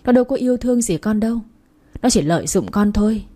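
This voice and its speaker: A woman voicing an anxious, doting middle-aged mother who pleads tearfully, with a husky, dark voice. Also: fairly high pitch, animated, quick pace. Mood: scornful.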